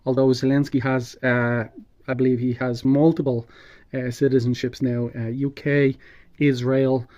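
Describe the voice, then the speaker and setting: A man giving an unscripted, halting political rant as an online commentator, calm turning angry and combative, with heavy swearing. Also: medium pitch. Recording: dull lo-fi sound.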